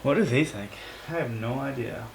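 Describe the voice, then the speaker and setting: A man hosting a podcast in a loose, casual chat. He talks haltingly, with plenty of fillers as he works things out, and a faint hiss of noise sits behind him. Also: medium pitch, rough recording. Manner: halting, filler-heavy, thinking aloud. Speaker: podcast host.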